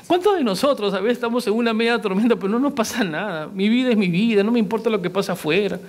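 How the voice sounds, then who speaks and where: A man with a high, light voice preaches a sermon to his congregation. He keeps asking them questions. He slips into little acted voices whenever he quotes someone. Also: expressive, fast. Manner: acts out quoted lines in varied voices. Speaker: pastor.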